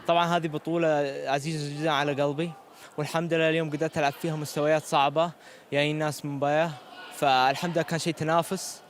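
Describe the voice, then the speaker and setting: Emirati male athlete, earnest post-match interviewee, higher-than-average voice, faint venue noise. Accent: Emirati Gulf Arabic. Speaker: competing athlete being interviewed.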